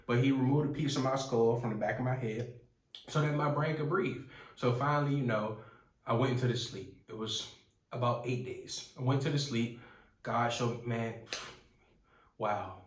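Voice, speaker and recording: A man's voice: medium pitch, steady tone, normal speed. Earnest young man, roomy and distant. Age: 20s. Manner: earnest, rambling, with many restarts. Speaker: testimony speaker. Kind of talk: personal testimony vlog.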